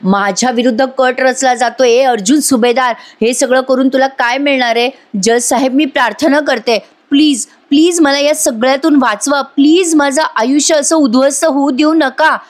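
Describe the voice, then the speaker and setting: A frantic young woman in the dock, her voice climbing high as she pleads with the judge. A woman narrator puts her on in a pitched-up, shrill register. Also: fairly even intonation, normal speed, few pauses, lightly acted. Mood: pleading. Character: young woman accused in court, desperate.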